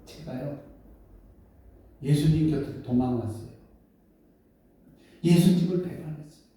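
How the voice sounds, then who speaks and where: A weeping, ashamed young disciple, as a preacher puts him on, confessing through tears. The tone is dark and mellow. The sound rings through a large reverberant church from afar. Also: male voice, a little high, a little slow, lightly acted. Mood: tearful. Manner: tearful, confessing. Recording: echoey church hall, mic far off.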